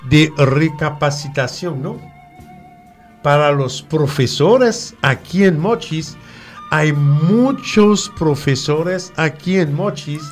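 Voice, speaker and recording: Slow-spoken French-native man teaching. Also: fairly high pitch. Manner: slow, repeats letters and words for pronunciation drills. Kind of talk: radio French lesson.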